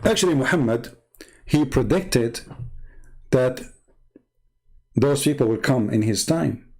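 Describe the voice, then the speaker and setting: With a darkish, medium-pitched voice, this host of a religious debate show speaks English as a second language, slowly but animatedly. He mocks religious texts with sarcasm and emphasis, asking rhetorical questions and repeating words. The audio quality is poor.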